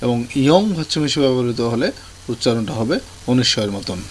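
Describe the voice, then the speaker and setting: A man explaining a language lesson in a tutorial, pausing often with fillers and restarting his sentences. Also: medium pitch, lively intonation. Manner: hesitant, many fillers and restarts. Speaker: language teacher. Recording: faint background noise.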